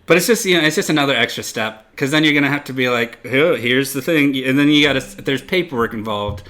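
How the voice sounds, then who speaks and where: Skeptical man picking holes, mid-pitched. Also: fast, bright, forceful tone. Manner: skeptical, questioning, hesitant restarts. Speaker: podcast co-host. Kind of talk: casual comedic chat.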